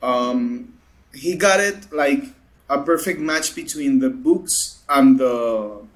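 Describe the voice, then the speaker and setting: A man's voice: mid-range voice, slow pace. A man appearing as a podcast guest, chatting casually with friends and often stopping to restart. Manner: hesitant, full of restarts and fillers. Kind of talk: casual chat among friends.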